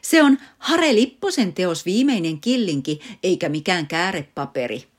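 A woman voicing a fussy but caring mother rabbit in a storybook, with sharp, scolding exclamations. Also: sits low, expressive, slightly rough. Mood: exclaiming.

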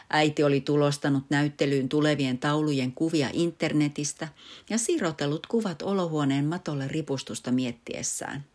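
A woman reading a children's storybook aloud in a calm, gentle, even way, close to the mic. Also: low-pitched. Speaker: audiobook reader.

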